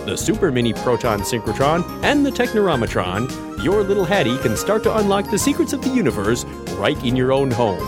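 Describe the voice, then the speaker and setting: A man playing an excitable infomercial pitchman, reading a scripted hard-sell gadget ad. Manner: infomercial announcer's hard sell with rushed disclaimers.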